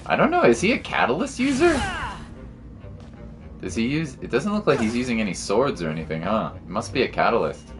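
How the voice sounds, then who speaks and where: Over music, a game streamer with a medium-pitched, sing-song voice talks briskly. He keeps the livestream chat and gameplay commentary laid-back and slangy, swearing mildly now and then.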